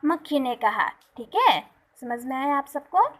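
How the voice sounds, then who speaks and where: A woman's voice: sits high, big pitch swings, unhurried. A woman teacher reading a storybook lesson aloud to young pupils, explaining each line and asking the class questions.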